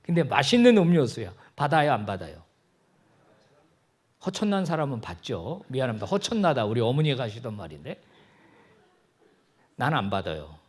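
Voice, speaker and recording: A man's voice: mid-range voice, moderate pace, pauses often, breathy edge. A male pastor giving a sermon, joking with the congregation and acting out little dialogues. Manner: animated, jokey, acts out dialogue. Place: church sanctuary.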